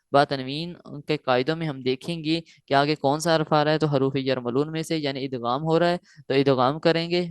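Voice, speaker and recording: Man teaching slow recitation, clear voice. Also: on the high side, no room sound, studio quality. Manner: explains rules, then recites each phrase slowly and loudly several times. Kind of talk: online recitation lesson.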